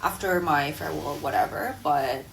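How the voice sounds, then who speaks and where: Chatty low-voiced woman co-host. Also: creaky, a little hiss or hum, rough recording. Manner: chatty, quick to laugh, trails off with fillers. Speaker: podcast co-host. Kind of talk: casual chat.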